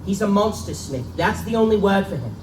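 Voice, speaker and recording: Voicing Lee, the anxious young son of a clergyman who is warning a friend, a man reads from a gothic pulp tale on a bookstore stage. He speaks fairly quickly and expressively in a high-ish voice, urgent, earnest and guarded in tone. The live recording is echoey, far from the mic, with faint noise.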